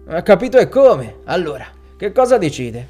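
A man's voice: high-pitched, big pitch swings, moderate pace, warm tone, faint music behind, pitched above the performer's own voice. A man voicing a chatty, folksy street florist who banters like a salesman. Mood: jovial. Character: chatty middle-aged male street florist.

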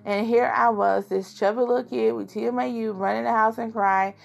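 A woman's voice: fairly high pitch, steady tone, a little fast, gravelly. A young adult woman vlogging, telling her personal story in an earnest, confiding way and addressing her viewers directly.

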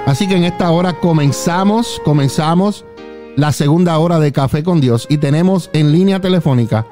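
Puerto Rican male radio pastor, higher voice, exclamatory host, music bed. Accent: Puerto Rican Spanish. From Puerto Rico. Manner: warm, exclamatory, many fillers.

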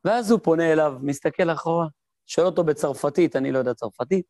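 A man's voice: a little high, no echo, studio quality. A man giving a Torah lesson as a rabbi, telling stories with sound effects and answering his own questions. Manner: lively storyteller who mimics sounds and voices; asks rhetorical questions and answers them. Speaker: rabbi teaching a class.

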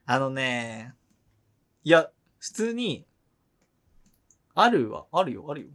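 A man's voice: medium pitch, very animated, takes it slowly, a bit bright. A man casually chatting as a podcast co-host, listening and then slipping in dry, teasing quips. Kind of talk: casual chat.

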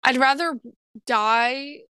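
A woman's voice: sits high, slow pace, sharp tone, clear, resonant tone, dry recording. A young woman co-hosting a music podcast in casual chat, emphatic and swearing freely, often trailing off and restarting. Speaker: podcast co-host.

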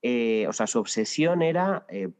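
A man's voice: mid-range voice, sing-song, unhurried, darkish tone, smooth. A man explaining his language-teaching experience in a podcast interview, thoughtful and full of anecdotes with many restarts. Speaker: Spanish teacher guest. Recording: lo-fi with long reverb.

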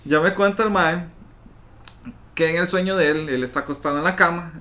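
A young Costa Rican man tells an anecdote with plenty of slang and swearing, drawing his listeners in. His voice sits a bit high for a man. It is relaxed podcast banter among friends. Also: brisk. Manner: animated storyteller, swears freely, slangy. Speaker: podcast co-host. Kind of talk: casual chat, storytelling.

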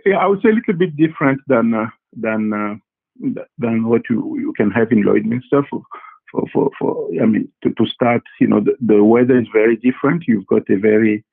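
A man who grew up in Congo answers students' questions in a halting way, full of fillers and repeated words. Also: medium pitch, vocal fry, slightly rough. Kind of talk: casual interview answers. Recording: tinny phone-like line.

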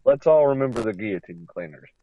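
A man's voice: fairly low pitch, animated, fast, warm tone, no room sound. A young man co-hosting a podcast in casual chat, rambling and crude, often restarting his sentences. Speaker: podcast co-host. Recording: dull lo-fi audio.

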